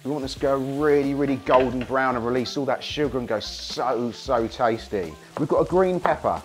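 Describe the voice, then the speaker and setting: A man hosting a casual cooking demonstration, hoarse from a cold, chatting enthusiastically to viewers as he cooks. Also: mid-range voice, normal speed, soft background music. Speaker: cooking show host.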